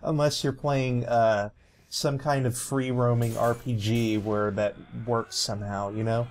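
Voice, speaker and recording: A man's voice: mid-range voice, level tone, a little slow, slight background noise. Rambling young man doing game commentary. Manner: rambling, with many fillers and restarts, laughs often. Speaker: let's play commentator. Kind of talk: casual gaming commentary.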